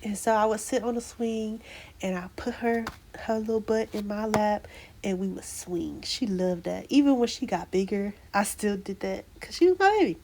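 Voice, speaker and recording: A woman's voice: mid-range voice, normal speed, noisy background. A woman vlogger telling a personal story in a chatty way, acting out what people said. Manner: animated, acts out quoted dialogue; chatty with frequent fillers and restarts.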